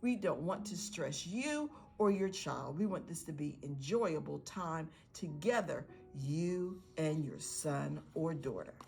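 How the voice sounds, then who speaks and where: A woman's voice: low voice, expressive, slow, creaky, few pauses, a little mellow, soft background music. A woman teacher giving parents encouraging tips on reading and writing activities with their young children. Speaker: pre-K teacher. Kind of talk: instructional video for parents.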